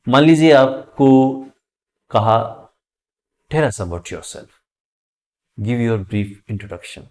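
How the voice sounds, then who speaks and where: A man with an Indian accent teaching interview communication skills, speaking clearly with deliberate pauses and emphasis. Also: medium pitch, darkish tone. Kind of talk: instructional talk to camera.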